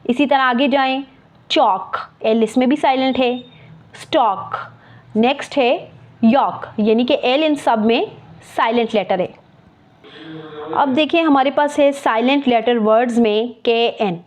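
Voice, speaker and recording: A woman's voice: a little high, a little slow. A woman teacher explaining a lesson, spelling words out letter by letter and repeating key terms. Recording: muffled lo-fi recording.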